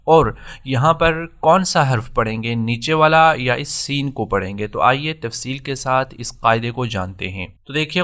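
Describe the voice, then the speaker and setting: Male tajweed teacher, patient and explanatory, bright clear tone. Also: medium pitch. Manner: patient, explanatory, repeats key points. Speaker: Quran recitation teacher. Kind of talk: tajweed lesson with slow recited examples.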